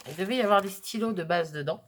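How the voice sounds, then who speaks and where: A woman's voice: medium pitch, fast talker, a little hiss or hum. Woman rambling through a craft unboxing, faint paper crinkle behind. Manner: chatty, thinks aloud with many fillers. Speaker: crafting vlogger. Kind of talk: casual unboxing chat.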